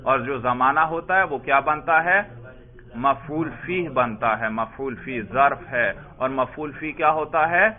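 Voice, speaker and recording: Male grammar teacher, mid-pitched, prods students with questions, says brother a lot; tinny lo-fi sound. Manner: quizzing, prompting students for answers; addresses listeners as brother. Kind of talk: classroom lesson with questions to students. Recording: tinny phone-like lo-fi recording.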